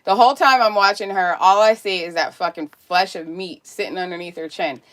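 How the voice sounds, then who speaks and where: A woman's voice: on the low side, fairly quick, fairly bright tone. A woman streamer talking casually, ranting in a heated, sarcastic and profane way.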